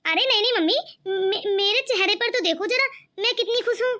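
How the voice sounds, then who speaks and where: A gentle young daughter-in-law in a cartoon story, voiced by a woman. She pleads and reassures in an earnest way, her voice very high and bright. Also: a little fast. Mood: reassuring. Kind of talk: cartoon voice acting.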